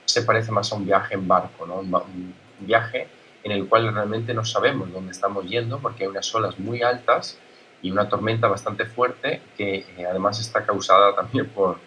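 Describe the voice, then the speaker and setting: An Italian man, a native Italian speaker, giving a conference talk as a guest speaker, halting, with many fillers and restarts. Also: fairly low pitch, fairly even intonation, bright, forceful tone, a little hiss or hum, rough recording. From Italy.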